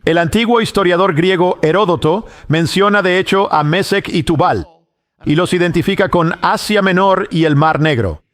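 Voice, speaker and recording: A man delivering a sermon-style Bible lesson, his voice sitting a little higher than most men's. He reasons through each point in a measured, explanatory way. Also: fairly bright tone. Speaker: Bible teacher. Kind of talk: sermon teaching on prophecy.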